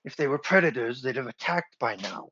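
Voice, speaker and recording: A man's voice: medium pitch, expressive, a little fast, fairly bright tone, no echo. A grumpy, sleepy horse answers in short, dismissive lines, as a man puts him on. The audio is dry and muffled, like a lo-fi online call. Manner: curt, dismissive.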